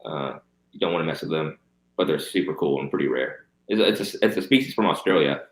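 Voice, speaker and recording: A thirty-year-old man with missing front teeth chats casually as an interview guest, speaking quickly in an expressive bass voice. He is a professional BMX stunt rider who also keeps reptiles, and the recording has a roomy echo.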